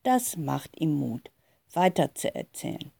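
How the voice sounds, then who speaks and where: A woman reads a children's story aloud in a calm, expressive narration. Her voice sits low and mellow, moves freely in pitch and takes its time. The recording is close and dry. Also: measured pace, gravelly, dry recording.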